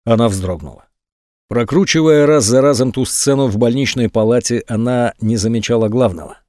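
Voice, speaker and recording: A man narrating an audiobook in a measured, calm manner. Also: medium pitch, no room sound, studio quality. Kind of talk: audiobook reading.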